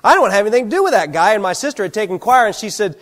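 A man preaching a sermon, telling personal stories with animated, self-deprecating humor. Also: sits high, very fast.

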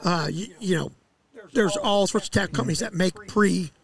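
A middle-aged man with a fairly high, gravelly voice talks shop as a fishing guide. He explains things in an easygoing way, with fillers and restarts. He speaks into a headset mic out on a lakeside deck. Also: moderate pace, a crowd in the background. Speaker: walleye fishing guide, podcast guest. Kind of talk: casual interview. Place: outdoor deck by a lake.

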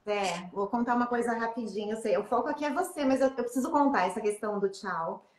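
A woman from Brazil with a Brazilian Portuguese accent, hosting an interview and telling stories in a lively way with frequent laughter. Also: a little high, fast talker. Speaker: interview host. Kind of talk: casual interview and storytelling. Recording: echoey room.

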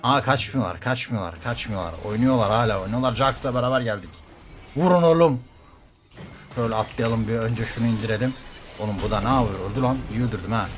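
A man streaming a game, talking fast to viewers and teammates, swearing casually and getting excited by turns. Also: on the low side, slight background noise. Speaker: gaming streamer. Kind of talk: live gameplay commentary.

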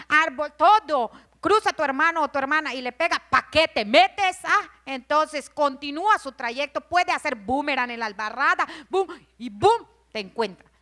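A woman comedian from Yucatán with a Yucatecan accent, doing a stand-up monologue full of acted-out neighbors and mothers. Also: high-pitched. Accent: Yucatecan Spanish. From Yucatán, Mexico. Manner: animated storytelling, acts out gossiping neighbors and scolding mothers.

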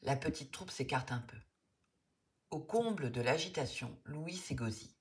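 A woman narrating a children's storybook in an expressive, lively way. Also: low voice, measured pace.

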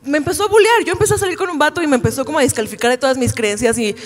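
A woman's voice: sits high, rapid-fire, big-room sound. A woman with a Mexican accent doing a stand-up routine, telling stories in a chatty, exasperated way. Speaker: stand-up comedian. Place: comedy stage with live audience.

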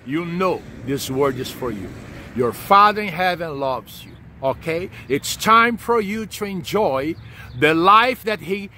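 A man's voice: a little high, expressive, unhurried, pushed and bright, slight background noise. A man in his forties preaching informally and earnestly to camera, repeating himself and punctuating his points with short check-ins. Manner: earnest, repetitive, punctuated with "okay" and "amen". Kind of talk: informal sermon of encouragement spoken to camera. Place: outdoors under a leafy tree.

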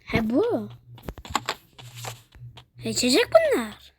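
High-voiced excitable woman streamer. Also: slow, noisy background. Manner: excitable, swears freely, jumpy outbursts. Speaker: gaming streamer. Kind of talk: casual let's-play commentary.

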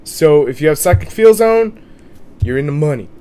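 A man's voice: on the high side, expressive, normal speed, dark tone, smooth. A man with a sore throat, feeling sick, giving casual, informal video commentary as host of a price guide. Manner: informal, mild swearing. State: under the weather with a sore, swollen throat.

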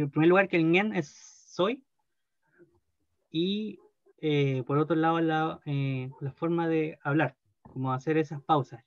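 Man, language teacher; slow and careful, keeps checking in with students; dry, muffled recording. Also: a little high, no room sound. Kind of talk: online language class.

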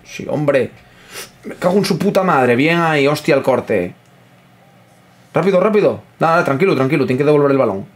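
A man commentating his own football video game, excitable, swearing freely and talking to his chat. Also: fairly high pitch, a little fast, long pauses. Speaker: gaming streamer. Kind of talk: live gameplay commentary.

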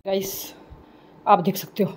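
A woman's voice: medium pitch, level tone, a little slow, slightly rough. A woman in her forties chatting casually in a home vlog, breathless from cleaning and complaining with a self-deprecating tone. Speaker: vlogger, mother. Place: home, indoors.

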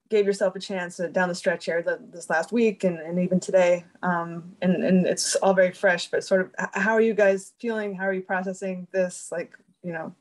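Reporter, female: slightly low voice, hesitant phrasing. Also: low-quality recording. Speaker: reporter asking a question. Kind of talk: press conference question.

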